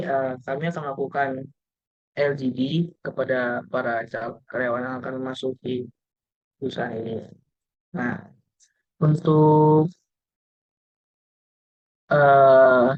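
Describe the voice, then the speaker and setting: Play a young company rep running a mock assessment over video call, halting, filling pauses; keep the sound muffled and dry. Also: male voice, medium pitch, dry recording. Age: young adult. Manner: halting, many filler sounds. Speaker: assessor playing a company representative. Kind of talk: role-played group discussion assessment.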